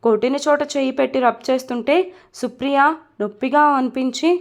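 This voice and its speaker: A woman's voice: sits high, fairly even intonation, brisk, gravelly, a little mellow. A woman telling a romance story in scripted narration, reading every character's lines with their speaker tags. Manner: reads dialogue with inline speaker tags.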